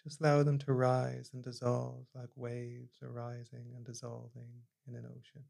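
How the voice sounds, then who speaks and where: A male meditation teacher guides listeners inward with a calm, soft-spoken delivery. His voice stays remarkably level and even in pitch, with a gravelly fry at the bottom of his range. Phrases fade away quietly as each instruction settles. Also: normal speed.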